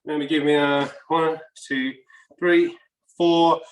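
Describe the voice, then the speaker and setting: A middle-aged man leads a live HIIT class from an indoor home gym like a barking gym coach, firing off short urgent commands and countdowns while exercising himself. His voice is on the high side and he takes it slowly, full of energy. A camera a few steps away picks him up, giving a roomy echo and a distant-mic sound.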